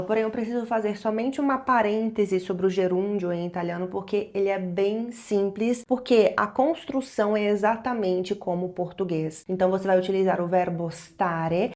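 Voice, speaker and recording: A woman in her twenties from Brazil, teaching an online language lesson and slowing down to stress each example phrase. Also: mid-range voice, darkish tone. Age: 20s.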